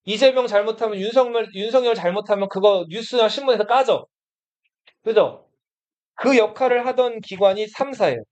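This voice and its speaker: A man's voice: high voice, moderate pace, darkish tone. A man teaching history to a class. He talks in a casual, blunt way, asks the students questions and then answers them himself. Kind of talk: classroom lecture.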